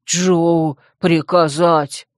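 Hulking brute with a loud, broken, growling bark, played by a reader; dry close sound. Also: medium pitch, level tone, extremely slow, no echo. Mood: simple-minded. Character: huge hulking brute, childlike and fierce. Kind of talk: audiobook character voice.

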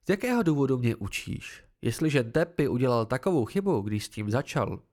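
A man's voice: mid-range voice, big pitch swings, darkish tone, natural voice. Man reading a curious, careful young student. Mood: earnest. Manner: polite, cautious questioning. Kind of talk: amateur audiobook reading.

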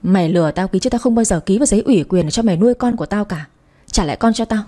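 A woman voicing a furious young mother who curses and shouts to get her baby back. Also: medium pitch, animated, very fast, natural voice. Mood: screaming. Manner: shouting, cursing.

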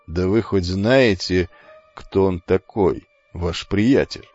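A man voicing a wise old centaur, low measured voice, slow and calm, faint music, dull recording. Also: exaggerated voice.

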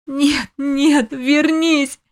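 A woman's voice: mid-range voice, slow, darkish tone. A woman voicing a sobbing heroine crying out. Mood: desperate. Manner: pleading, cries out. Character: desperate young woman in shock and grief.

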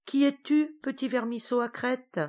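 A woman voicing a soft-hearted, motherly witch queen who coos fondly. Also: high-pitched, steady tone, a little slow, pitched above the performer's own voice. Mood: curious. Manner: cooing, fond.

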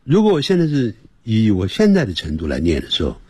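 A man teaching English on a radio lesson, explaining patiently and repeating words slowly for pronunciation. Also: on the low side, huge pitch swings, mellow, breathy edge, dry recording.

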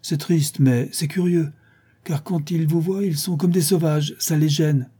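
A man's voice: fairly high pitch, fairly even intonation, unhurried, mellow, breathy edge, voice pushed up. A man voicing a nosy, self-important old male porter who talks in a prim, fussy way. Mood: gossipy. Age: older.

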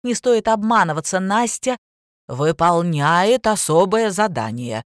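A woman's voice: on the low side, animated, unhurried, dry recording, studio quality. A woman voicing a solemn stubborn older woman. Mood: insistent. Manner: solemn, insistent. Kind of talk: audiobook reading.

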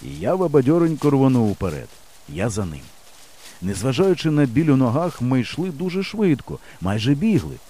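A man narrates a first-person children's adventure with a lively, playful delivery. His tone is mellow and warm, and his pitch moves in big animated sweeps through every sentence. It sounds like a practiced audiobook reading. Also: normal speed.

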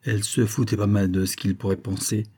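Low, husky male audiobook narrator. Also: little pitch movement, a little fast, mellow. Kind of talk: scripted novel narration.

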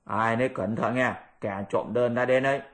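A man voicing a stern old male immortal sage, scolding slowly in an audiobook. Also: medium pitch, steady tone, a bit bright, close to an everyday voice.

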